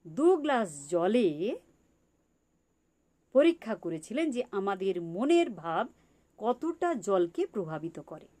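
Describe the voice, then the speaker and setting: A woman's voice: mid-range voice, very animated, slow, long pauses, mellow. A woman giving a spiritual teaching talk on meditation for farmers, repeating her points and asking the listeners rhetorical questions.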